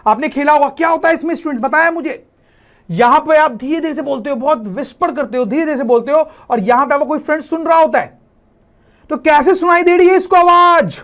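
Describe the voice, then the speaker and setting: A science teacher with a notably high voice for a man walks his class through a lesson. He speaks straight to the students again and again, throws out rhetorical questions and answers them himself. He slips English terms into his explanations as he goes. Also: fairly quick, fairly bright tone. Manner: keeps addressing "students" and asks rhetorical questions.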